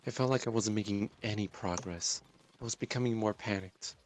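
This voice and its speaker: Reading a dramatic story told in the first person, a man with a fairly low voice narrates deliberately and with great intensity and feeling. There is a little hiss or hum in the background.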